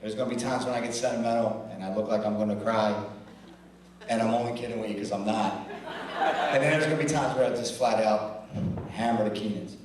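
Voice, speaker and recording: A man's voice: lowish voice, steady tone, fairly quick, background noise. A man giving a rambling, self-deprecating roast speech, often restarting his sentences. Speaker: roast speaker. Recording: roomy hall mic from a distance.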